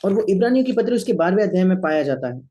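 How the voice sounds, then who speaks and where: Male sermon interpreter, high-pitched, mellow tone, steady line-by-line delivery. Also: rapid-fire.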